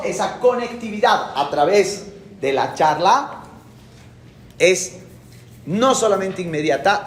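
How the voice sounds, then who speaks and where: A man's voice: a little high, reverberant, slight background noise. A middle-aged man giving a classroom lecture in a colloquial, emphatic way, repeating his key phrases. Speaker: university lecturer.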